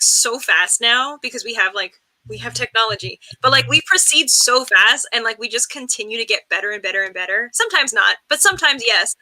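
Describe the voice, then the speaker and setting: A woman's voice: fairly high pitch, sharp tone, poor audio. A young woman on a casual video call, talking earnestly and rambling, with lots of "like". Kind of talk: casual group video chat.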